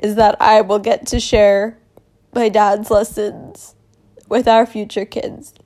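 A young woman speaking in an emotional personal monologue, halting with many fillers and laughing through tears. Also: medium pitch, little pitch movement, a little mellow.

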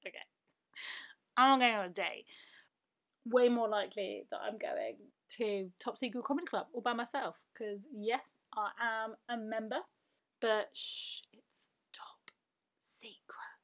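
A woman's voice: fairly high pitch, lively intonation, a little slow, fairly bright tone. A young woman hosting a casual podcast, chatty and self-mocking, often laughing as she reads listener emails. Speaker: podcast host.

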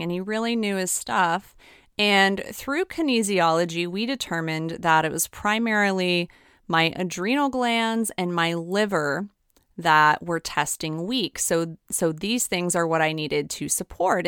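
A woman's voice: lowish voice, fairly bright tone, clear, resonant tone, dry recording. A woman nutritionist telling a personal story in an earnest, candid way, close to the mic. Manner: earnest, candid, emphatic at times. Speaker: nutritionist sharing her story.

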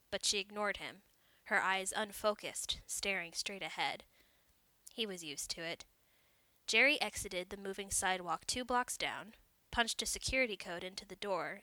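A woman narrating a short story in a clear, measured storytelling manner. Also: medium pitch, pushed and bright, no room sound.

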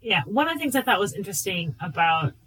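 A woman co-host in relaxed, thoughtful casual chat. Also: medium pitch, fast talker, far from the mic, a crowd in the background, rough recording. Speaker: podcast co-host.

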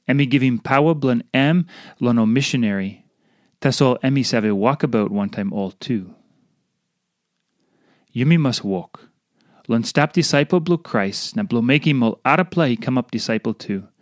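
A man's voice: medium pitch, no echo, clean studio sound. A man with a Papua New Guinean accent reads a scripted devotional in Papua New Guinea pidgin, earnestly and phrase by phrase. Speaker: devotional reader.

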